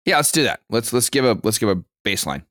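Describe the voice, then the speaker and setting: A man hosts a casual podcast, running briskly through announcements before turning to questions for his co-host. His voice sits low. The sound is dry, with no room echo. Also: big pitch swings, a bit bright.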